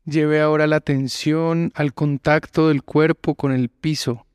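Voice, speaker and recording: A yoga teacher leads a guided meditation in a calm, measured manner, speaking very slowly with long pauses between phrases. His smooth, clear voice is on the high side, recorded close and dry with no room sound.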